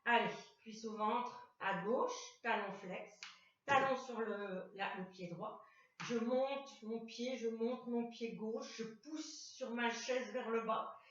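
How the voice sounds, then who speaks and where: High-voiced woman cueing exercises, echoey. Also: takes it slowly. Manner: calm step-by-step cueing, repeating commands. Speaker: fitness instructor. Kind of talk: guided exercise class instruction. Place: room with a chair and mat. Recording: echoey room, voice far from the mic, dull sound.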